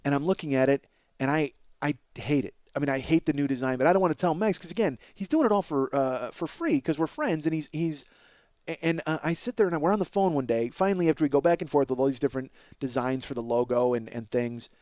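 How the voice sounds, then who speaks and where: This comedy podcast host is a middle-aged man whose voice sits on the high side, moving at a quick pace in a dry recording. His monologue rambles excitably, full of profanity and self-mockery, and he frequently stumbles over repeated words.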